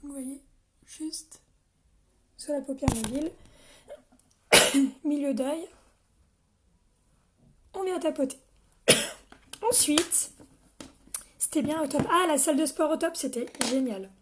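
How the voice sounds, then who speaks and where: Chatty high-voiced woman. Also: slow pace, long pauses, noisy background. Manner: chatty, addresses viewers by name, frequent coughs. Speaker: makeup seller training her team. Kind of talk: live makeup tutorial chatting with viewers.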